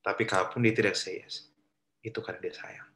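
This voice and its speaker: A man's voice: lowish voice, steady tone, brisk, fairly bright tone. A man with an Indonesian accent giving a casual youth sermon. He often questions his listeners and slips English phrases into his talk. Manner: chatty, asks the audience questions, mixes in English phrases. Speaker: youth pastor. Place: church room. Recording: echoey room.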